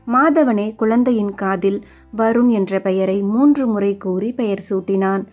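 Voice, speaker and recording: A woman narrating a scripted short story in a steady, even manner. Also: mid-range voice, a little slow, faint music behind.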